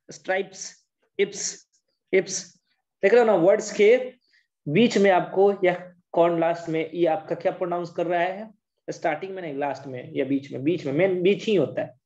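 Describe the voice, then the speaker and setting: An online class led by a teacher, who drills each point by repeating it and switches freely between Hindi and English. The pitch sits in the middle of the usual range. The audio is muffled and lo-fi, like a home online-class recording. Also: a little mellow.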